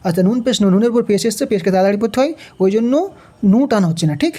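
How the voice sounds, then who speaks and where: A man with a Bangladeshi Bengali accent gives a step-by-step Quran reading lesson in a mellow voice. He spells out letters and vowel marks, then chants the words slowly in a higher tone.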